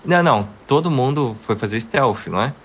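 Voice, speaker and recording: A man's voice: medium pitch, lively intonation, a little fast. A man playing a tabletop game, hesitant and self-deprecating. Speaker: player. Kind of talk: casual game chat. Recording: noisy recording with clicks.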